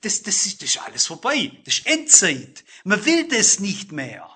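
A middle-aged man preaching a sermon, speaking straight to the congregation and slowing down to stress key phrases. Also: high-pitched, wildly swooping pitch, pushed and bright, husky. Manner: addresses listeners directly, emphatic with slow stressed phrases.

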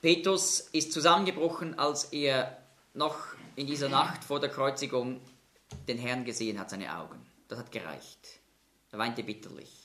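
A man gives a Bible-teaching sermon in a bright, clear-toned voice. He explains patiently and slows down to lean on each quoted line. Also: mid-range voice. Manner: explanatory, measured, with slow emphatic quotes. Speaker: preacher.

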